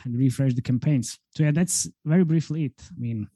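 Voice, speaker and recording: A man from Slovakia, a guest marketing consultant, talking casually over a video call from a room at home, relaxed and chatty with frequent fillers and laughs. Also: medium pitch, fairly quick, no echo. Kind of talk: casual interview talk.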